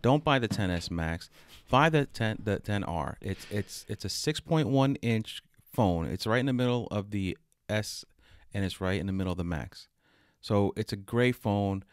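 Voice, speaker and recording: A middle-aged man co-hosting a casual podcast, animated and joking, often restarting his sentences. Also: lowish voice, moderate pace, clean tone, no room sound. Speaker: podcast co-host. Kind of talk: casual chat.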